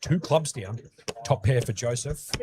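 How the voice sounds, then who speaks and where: A man with an Australian accent giving brisk play-by-play commentary on a live poker tournament from a commentary booth. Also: medium pitch, background noise. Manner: brisk play-by-play, matey banter.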